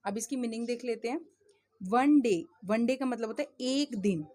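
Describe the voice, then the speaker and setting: A woman teaching English to children, slowly spelling out words letter by letter, often checking in with the learners. She speaks English with an Indian accent. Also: fairly high pitch, mellow, no room sound, clean studio sound. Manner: slow, patient, spells words letter by letter and asks questions; often checks in with "theek hai?". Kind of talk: spoken English lesson for children in Hindi.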